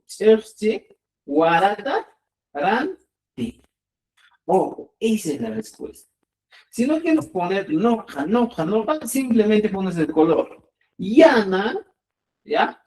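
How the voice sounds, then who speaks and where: Man, language teacher, live class, lively pitch, slow deliberate pace, roomy far-off sound. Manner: repeats checks like "¿ya?" and "ojo"; slows to stress key words. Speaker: Quechua teacher. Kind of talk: live online language lesson.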